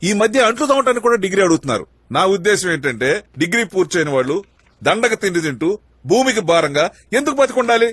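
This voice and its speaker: A man's voice: sits high, sing-song, fast, fairly bright tone, no room sound, heavily acted. An actor playing a bitter middle-aged husband and father who lectures sarcastically, in dubbed film dialogue. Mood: sarcastic.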